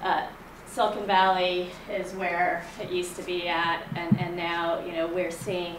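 A woman from Kenya in her forties, presenting to a room in a somewhat low, conversational voice full of ums and restarts. She is recorded from a distance, with an echoey room and clear background hum. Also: completely flat delivery, measured pace. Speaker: venture investor giving a talk. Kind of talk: conference presentation. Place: meeting room in front of a projector screen. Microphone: room mic from a distant camera. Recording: echoey room, far from the mic, audible room noise.

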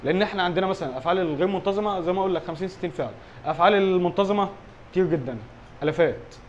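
Quizzing himself aloud, a male English teacher with an Egyptian Arabic accent works through exam review, often asking "alright?" to make sure students keep up. His voice sits high and comes rapid-fire, and the audio is dull with slight background noise.

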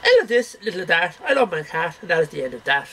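A middle-aged amateur poetry reader races through his poems one line at a time, very fast, in a declamatory, sing-song way. His fairly high voice has big pitch swings and sounds pushed and bright. A webcam about arm's length away in a small cluttered bedroom picks up a little hiss or hum.

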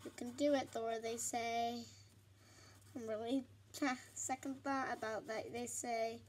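A woman's voice: on the high side, fairly even intonation, slow, darkish tone, a little hiss or hum. A young woman chatting to herself in a rambling, giggly way as she works on a pastel drawing for her vlog. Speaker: vlogger. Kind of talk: chatty art vlog narration.

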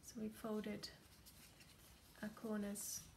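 Woman, meditation leader: soft, unhurried, slightly gravelly voice, level delivery, faint background noise. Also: medium pitch, completely flat delivery. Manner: soft, gentle, many fillers; often drops to a near whisper. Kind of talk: guided craft meditation. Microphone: computer or phone camera.

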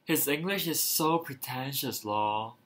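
A man's voice: medium pitch, measured pace, a bit bright, lightly acted. A man with a Hong Kong Cantonese accent voicing a smug, judgmental critic in a vlog skit. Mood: smug disdain.

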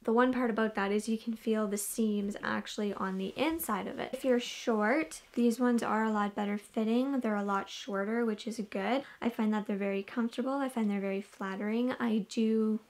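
A young woman in her twenties with a slightly high voice gives a chatty gym clothing review, leaning on "really, really" and "like". She sounds relaxed and conversational. She records in a small wood-panelled bedroom, picked up by a camera across the room. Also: moderate pace, few pauses. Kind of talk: casual try-on review.

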